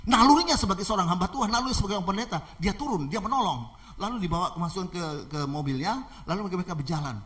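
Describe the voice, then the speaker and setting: Fast-talking bright male preacher. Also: sits high. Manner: animated, repetitive with filler "ya". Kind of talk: sermon storytelling.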